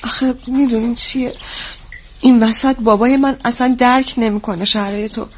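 A woman's voice: fairly high pitch, steady tone, lightly acted. An actress playing an anxious young woman who pleads for help about her mother. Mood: worried. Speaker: worried daughter visiting a clinic.

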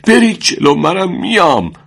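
A man playing a badly wounded young soldier who keeps insisting he is fine, his voice pitched up and tight with pain, short of breath between words. He sounds stubborn and strained in a spoken war story. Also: wildly swooping pitch, creaky, fairly bright tone, full character voice. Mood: strained, pleading.

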